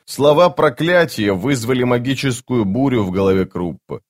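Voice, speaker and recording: A man narrating a fantasy audiobook in a measured, steady way. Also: medium pitch.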